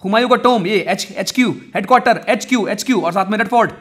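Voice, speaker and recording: Young man, high voice, exam-prep teacher, chatty and energetic. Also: fast talker. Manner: chatty, addresses viewers as friends and brothers. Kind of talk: energetic Hindi lesson with mnemonics.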